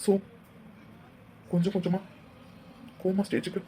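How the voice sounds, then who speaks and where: A woman voicing a younger brother who calmly reassures his grieving elder brother. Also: fairly low pitch, unhurried, very noisy. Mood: soothing. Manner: soothing, reassuring.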